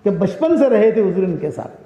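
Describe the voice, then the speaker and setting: High-voiced man preaching in an echoey hall. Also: sing-song, warm tone, dull audio. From India. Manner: storytelling with emphatic repeated phrases. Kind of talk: sermon. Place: large hall at a women's religious school.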